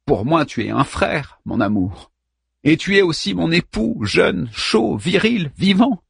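A man voicing a desperate young princess who pleads with her warrior husband in a high, strained voice. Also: very animated, measured pace, vocal fry, breathy edge, no room sound, studio quality, heavily acted. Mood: pleading. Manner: pleading then fierce and bitter.

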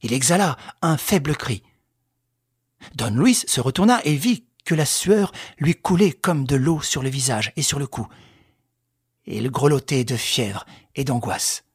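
A man narrating a novel in an expressive, measured storytelling voice. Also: medium pitch, slightly rough, dry recording, clean studio sound. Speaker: audiobook narrator.

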